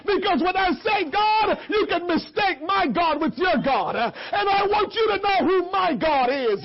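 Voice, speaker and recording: A man preaching a fervent sermon, impassioned, often shouting and calling out to the congregation. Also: extremely high pitch, expressive, measured pace. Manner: impassioned, shouting, call-and-response. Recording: dull lo-fi church recording.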